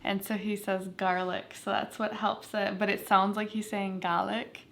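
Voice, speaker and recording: A woman's voice: mid-range voice, little pitch movement, moderate pace, creaky, fairly bright tone, slight background noise. A woman co-hosting a casual whiskey tasting, chatty and playful as she describes the aromas.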